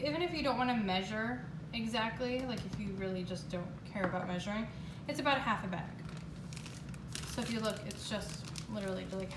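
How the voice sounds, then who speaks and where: A woman giving a casual, chatty home cooking demonstration in a kitchen, talking in an emphatic, exclamatory way. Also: mid-range voice. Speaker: home baking show host. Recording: roomy, distant mic, clear background noise.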